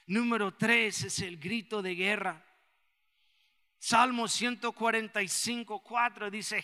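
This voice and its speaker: A pastor from the United States, preaching a sermon and rising to shouts for emphasis. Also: male voice, very high-pitched. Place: church. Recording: long church hall reverb.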